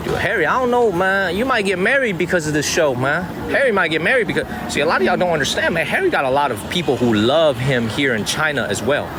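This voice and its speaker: A man with a slightly high voice hosts a live street stream. He rambles chattily and repeats phrases for emphasis, over clear city traffic noise. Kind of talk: live vlog street chat. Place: outdoors on a busy city street.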